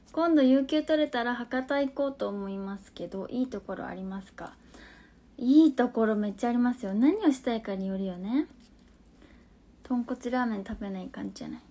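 Twenties woman w/ hakata accent, a bit high voice, chatting on a phone live stream, reads comments out + answers, soft whispery asides sometimes. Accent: Hakata dialect of Fukuoka. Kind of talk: casual live-stream chat.

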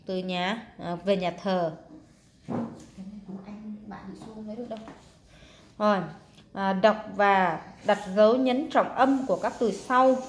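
A woman teaching, walking through workbook exercises step by step, drawing out words and stressing syllables, with many fillers. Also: medium pitch. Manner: explains step by step with frequent fillers. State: tired. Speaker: English teacher. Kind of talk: workbook lesson walkthrough.

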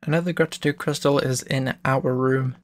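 Here a man with a mid-range voice talks at a moderate pace while playing a video game. He hosts the let's play casually, explaining what he's doing in a relaxed tone and frequently correcting himself.

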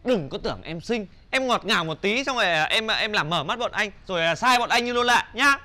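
A man's voice: sits high, lively intonation, brisk, bright, forceful tone, full character voice. A man playing a cheeky teasing sidekick. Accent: Northern Vietnamese. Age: young adult. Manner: mocking, teasing quips. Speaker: actor in comedy sketch.

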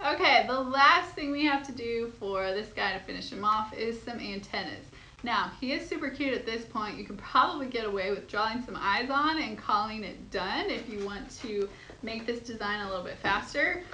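A bubbly young woman with a high, bright voice walks through balloon twisting step by step, laughing often and gushing over how cute things look. Her voice rings in an echoey room. A steady hiss of noise sits behind her. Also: normal speed. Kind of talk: step-by-step tutorial.

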